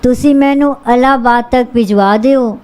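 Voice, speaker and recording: A woman's voice: fairly high pitch, normal speed, darkish tone, lightly acted, rough recording. A woman reading the lines of a humble, grateful man healed of lame legs, in an earnest, pleading way.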